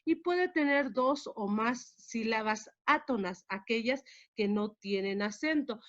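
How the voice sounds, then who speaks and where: A woman teacher walks through a grammar lesson in a measured, explanatory way, leaning on key words. Her voice sits fairly high. The recording sounds dull and lo-fi. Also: lively intonation, a bit bright.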